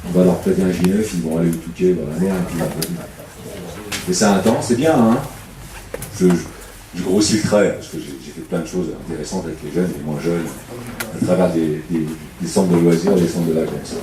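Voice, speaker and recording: Speaking a little fast in a low voice, this temp agency owner from the Paris suburbs in France jokes at his own expense during a public debate and trades remarks with the audience. The distant recording catches community hall echo and some background noise.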